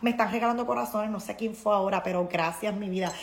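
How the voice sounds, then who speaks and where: A Puerto Rican woman hosts a casual live stream, reading out viewer comments in an emphatic, preachy, motivational way. Her medium-pitched voice moves at a quick pace with fairly even intonation, and the sound is roomy.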